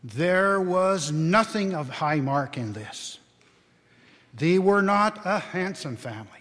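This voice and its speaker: A man with a high voice gives a theatrical, expressive storybook narration live inside a church, taking it slowly. This dramatic reader delivers a scripted story before an audience, and the church hall's long reverb rings through the recording.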